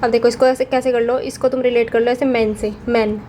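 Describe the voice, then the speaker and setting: A woman's voice: fairly high pitch, flat delivery, a little fast, dark tone, a little hiss or hum. A young woman teaching vocabulary in a casual Hinglish lesson, chatty and often checking in with her students. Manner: chatty, checks in with frequent "theek hai".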